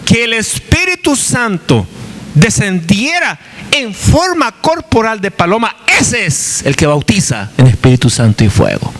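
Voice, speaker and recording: A man's voice: high-pitched, very animated, unhurried, a bit bright. A male pastor teaching a Bible study, who asks his congregation questions, answers them himself, jokes and acts out quoted voices.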